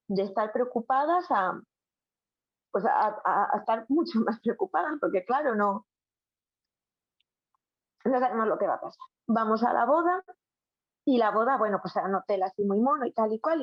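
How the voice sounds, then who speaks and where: A woman giving a halting, emotional personal testimony as a roundtable speaker. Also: fairly high pitch, no echo. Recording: dull dry lo-fi sound.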